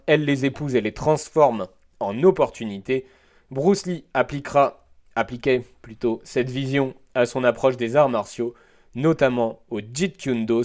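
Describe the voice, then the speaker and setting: A man's voice: medium pitch, a little mellow. Man hosting a teacher's podcast. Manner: reads prepared notes with hesitant asides and fillers. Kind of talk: solo educational podcast monologue.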